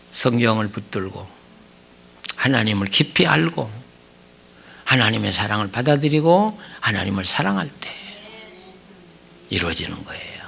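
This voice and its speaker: An older man preaches a sermon at a church revival meeting, telling stories with a chuckle before turning to earnest prayer. His mid-range voice is fairly bright and has vocal fry.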